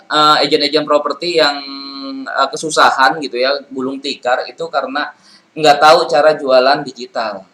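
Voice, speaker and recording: A man's voice: mid-range voice, a bit bright, low-quality recording. A man giving business advice in a loose, chatty monologue, full of fillers and restarts. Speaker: property and business consultant.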